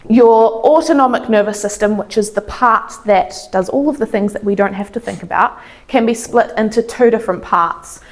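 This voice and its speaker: A woman's voice: mid-range voice, a little mellow. Woman chiropractor giving an informal health talk. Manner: explains in simple everyday terms. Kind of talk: informal educational presentation.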